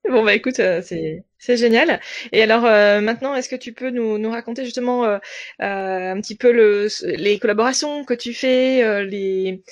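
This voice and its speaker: Animatrice, femme, voix un peu haute, relances brèves et détendues. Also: female voice, fairly high pitch, moderate pace, highs cut off. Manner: brief affirming interjections and questions. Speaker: podcast host. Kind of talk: casual interview talk.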